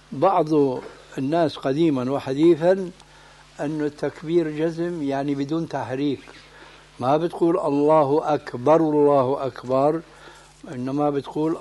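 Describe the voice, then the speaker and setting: A man's voice: fairly high pitch, mellow. A man, a religious scholar giving a lesson, who corrects emphatically and poses questions he answers himself.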